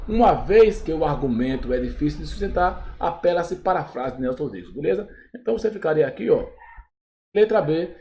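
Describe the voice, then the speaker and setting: A man's voice: a little high, dark tone, slight background noise. A man with a Brazilian Portuguese accent, a Portuguese teacher going step by step through exam questions and checking in with his students after each point. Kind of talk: exam review lesson.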